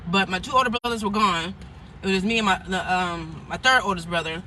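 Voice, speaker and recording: A woman's voice: on the low side, fairly quick, bright, forceful tone, a little hiss or hum. A woman vlogger telling a personal story in a casual, rambling way, acting out the people she quotes. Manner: loose, rambling retelling with restarts and laughs, acting out quotes. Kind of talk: casual storytelling while eating.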